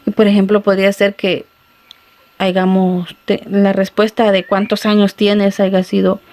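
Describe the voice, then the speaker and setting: A woman teacher giving a recorded lesson to schoolchildren, talking slowly and patiently and calling them little friends. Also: medium pitch, level tone, no room sound. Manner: slow, patient, addressing children warmly as little friends. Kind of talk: recorded classroom lesson for children.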